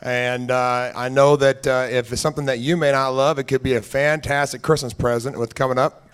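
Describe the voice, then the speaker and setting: A young man from Washington State steps up as an auctioneering student. His voice is smooth and clear at a middle pitch, and he moves from plain talk into a quick, rhythmic bid chant. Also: steady tone. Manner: rapid rhythmic chant while calling bids.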